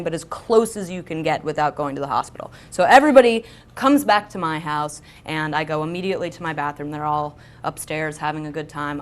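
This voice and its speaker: A young woman in her twenties with a fairly low voice tells a comic, self-deprecating story. Her delivery is lively, and she slips into the voices of the people she describes. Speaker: celebrity guest.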